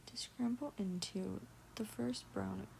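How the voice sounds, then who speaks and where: Woman for a whispered ASMR reading of a novel: mellow, gently fried tone, trips over words and makes chatty side remarks. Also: medium pitch, takes it slowly, vocal fry, slight background noise, rough recording. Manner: soft whisper, stumbles and corrects herself, chatty asides. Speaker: ASMR book reader.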